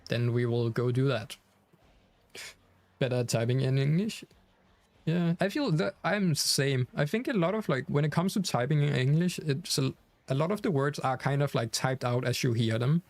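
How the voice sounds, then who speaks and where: In a dry recording, a young Danish-accented man speaks expressively at a moderate pace with a mid-range, slightly mellow voice. He's casually chatting on a game stream, reading chat out loud amid many fillers and restarts.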